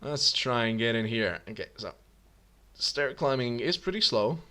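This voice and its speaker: Man, gaming commentary, very lively pitch, chatty, self-correcting. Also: measured pace. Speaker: gaming YouTuber. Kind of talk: casual let's-play commentary.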